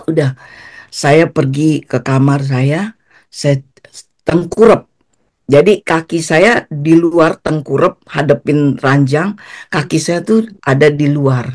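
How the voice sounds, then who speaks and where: A woman giving a personal testimony as a guest, telling her story in an animated way and acting out the quotes. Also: slow. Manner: animated, acts out quotes with pitch jumps.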